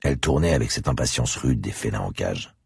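Male audiobook narrator, first person, very low and gravelly, slow brooding reads, dry booth sound. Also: animated, a little mellow, dry recording. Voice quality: gravelly, husky, very deep. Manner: slow, brooding delivery, rises sharply in his spoken lines.

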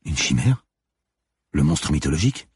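A man voicing a gentle young woman who asks soft, worried questions. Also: low-pitched, fast talker, husky, no room sound, clean studio sound, pitched above the performer's own voice.

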